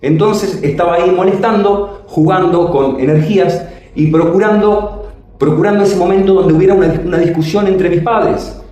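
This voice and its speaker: A man telling a spiritual personal story dramatically, his pitch swooping and his phrases slow and drawn out. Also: mellow. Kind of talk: personal testimony. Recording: very echoey room.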